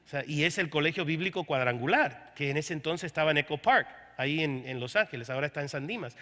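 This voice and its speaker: A man's voice: on the high side, animated, fast talker, pushed and bright. A man preaching a sermon as pastor, telling his story with quoted dialogue. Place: church service. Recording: long hall reverb from a church room.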